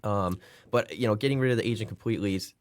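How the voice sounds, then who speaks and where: A man's voice: fairly low pitch, dry recording. A man, a real estate agent, talking earnestly and casually as a podcast guest. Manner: earnest, fast, swears casually.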